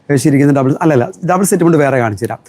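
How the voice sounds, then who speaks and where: A middle-aged man from Kerala, a shop owner, chats through a live sales stream and answers viewer comments. His medium-pitched voice is animated, very fast and a little mellow, with no room sound.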